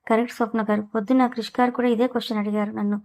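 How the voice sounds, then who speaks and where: A woman storyteller doing an innocent, coy young bride who answers politely and bashfully. She talks fast and without much melody, in a slightly high voice. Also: level tone, darkish tone, close to an everyday voice.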